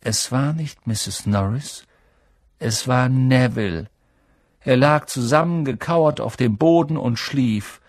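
A man narrating an audiobook in an expressive storytelling manner. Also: mid-range voice, takes it slowly, no room sound, studio quality. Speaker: audiobook reader.

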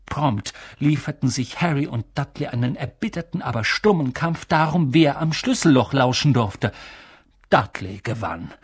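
An audiobook narrator reading a story in a measured, expressive way. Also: mid-range voice, slightly rough, no echo, clean studio sound. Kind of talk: scripted narration.

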